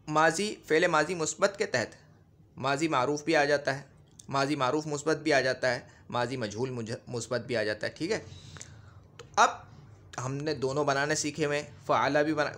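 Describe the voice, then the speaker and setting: A man's voice: medium pitch, fairly bright tone. A man teaching a grammar lesson, explaining patiently, repeating points and often checking that his listeners follow. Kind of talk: classroom grammar lecture.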